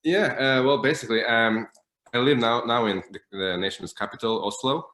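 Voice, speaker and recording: A man's voice: mid-range voice, normal speed, a bit bright, reverberant. A man in his thirties from northern Norway, a native Norwegian speaker, talking casually as an interview guest with many hesitant fillers. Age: 30s. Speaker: guest guitarist.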